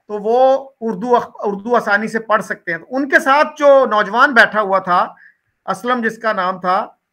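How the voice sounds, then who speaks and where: A man with a high, bright voice tells a story in an easy, measured way. He speaks as a guest in a relaxed conversation.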